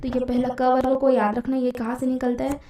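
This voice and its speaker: Female teacher, highish mellow voice, explaining patiently and repeating key terms, roomy echo. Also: little pitch movement, fairly quick, distant mic. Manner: explanatory, repeats and checks with "theek hai". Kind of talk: exam-prep grammar lesson.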